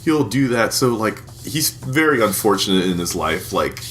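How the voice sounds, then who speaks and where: Man in his twenties, casual podcast chat, rambling and crude, lively intonation, faint background noise. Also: on the low side, normal speed. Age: 20s. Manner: rambling storytelling, crude, laughs often. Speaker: podcast co-host.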